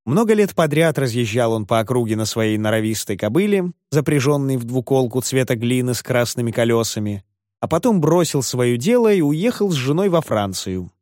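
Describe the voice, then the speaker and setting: A man narrates an audiobook expressively in a mid-range, darkish voice with big pitch swings and a moderate pace. The studio sound is clean, with no room sound.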